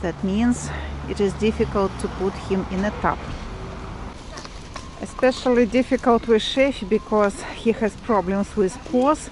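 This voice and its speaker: Russian-accented woman vlogging outdoors, street noise. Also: mid-range voice. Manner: halting, explanatory, searching for English words. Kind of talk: casual walk-and-talk vlog. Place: outdoors, walking through a provincial town. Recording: clearly noisy outdoor street ambience, vehicles. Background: urban outdoor noise and vehicles.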